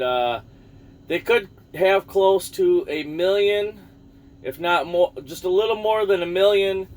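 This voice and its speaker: A man's voice: fairly high pitch, a little hiss or hum. A man rambling casually about the news to his viewers, losing his thread now and then and swearing offhand. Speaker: vlogger.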